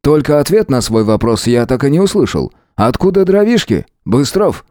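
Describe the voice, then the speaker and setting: A man's voice: mid-range voice, very animated, normal speed, no room sound, voice pushed up, close to an everyday voice. Guy doing a sneering sarcastic police boss, voice jumps way up, dry close audiobook sound. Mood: teasing. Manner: mocking, sharp-tongued. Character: sarcastic, dismissive male police department chief. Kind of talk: audiobook character voice.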